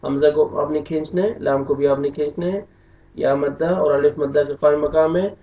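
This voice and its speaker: A man teaching Quran recitation, spelling out letters and vowel marks, then reciting slowly with long drawn-out notes, in a Pakistani Urdu accent. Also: on the high side, fairly even intonation. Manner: slow drawn-out recitation alternating with brisk explanation. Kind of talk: tajweed lesson, spelling out and reciting. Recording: roomy, distant, dull lo-fi sound.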